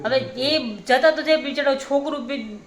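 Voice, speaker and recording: A woman's voice: high-pitched, a little slow, a little hiss or hum. A woman in casual family chat, prompting a story with short questions and remarks. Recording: echoey room.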